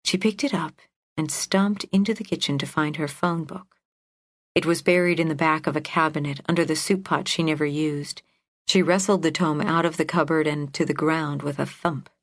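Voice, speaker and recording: A woman narrates a mystery audiobook in an even, measured manner. Her voice sits low for a woman. The studio sound is close and dead dry. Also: no room sound. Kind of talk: scripted narration.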